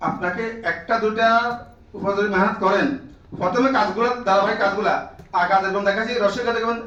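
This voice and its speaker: A high-voiced man gives a classroom lecture to teachers and keeps firing questions at the room to make them answer. The sound is roomy and echoing, picked up from a mic some distance away. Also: steady tone, quick pace, fairly bright tone, muffled recording. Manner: drills the room with repeated questions, prods listeners. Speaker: teacher trainer.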